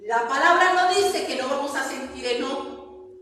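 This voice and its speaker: A woman preaches to her congregation in a fairly high voice, stressing her points and tossing out questions for the room to answer. She is heard from a distance, and her words ring around a very echoey hall with a long tail of reverb. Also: normal speed, pushed and bright, soft background music. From Colombia. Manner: emphatic preaching with frequent call-and-response questions to the congregation. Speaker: pastor. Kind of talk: sermon. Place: church sanctuary.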